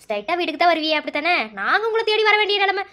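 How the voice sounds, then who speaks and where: A shrill, brash woman official in a cartoon , played by a woman, talking fast in a Madurai Tamil accent. She teases and scolds everyone around her in a bossy way. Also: lively intonation, bright, forceful tone, full character voice. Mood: teasing. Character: bossy middle-aged woman official, teasing. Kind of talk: cartoon voice acting.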